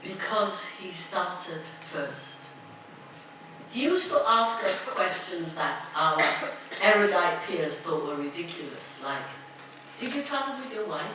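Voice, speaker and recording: An older woman from Ghana giving a lecture at a podium in a large hall, first chanting a poem in a slow, rhythmic way, then telling stories in a reflective tone. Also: fairly low pitch, animated, pushed and bright. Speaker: alumni speaker. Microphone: podium mic, recorded from a far camera. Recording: distant, very echoey hall recording with noise.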